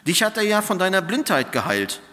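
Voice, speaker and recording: A man reading aloud as a group of indignant religious leaders, raising his pitch into insistent questions, in a space with long church reverb. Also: sing-song, fairly quick, bright, forceful tone, full character voice.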